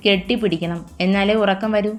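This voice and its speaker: A woman reading the part of a gentle but insistent young husband in a romance story. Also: mid-range voice, steady tone, fairly quick, close to an everyday voice. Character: young man, gentle, quietly possessive husband.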